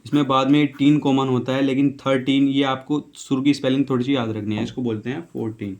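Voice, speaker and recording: A man's voice: medium pitch, little pitch movement, fast talker, darkish tone. A male teacher giving a casual spoken lesson, spelling words letter by letter, repeating each pronunciation and checking in with "okay". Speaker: English teacher.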